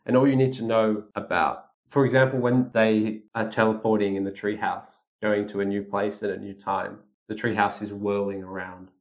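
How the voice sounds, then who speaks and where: Patient man explaining words, lowish voice. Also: little pitch movement, normal speed, hardly any pauses. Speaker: English teacher reading a story aloud.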